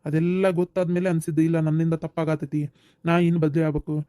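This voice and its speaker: A man's voice: a little high, little pitch movement, fast, mellow, smooth, no echo, clean studio sound, close to an everyday voice. A man with a North Karnataka Kannada accent voicing a humble younger brother who talks in an earnest, apologetic, pleading way.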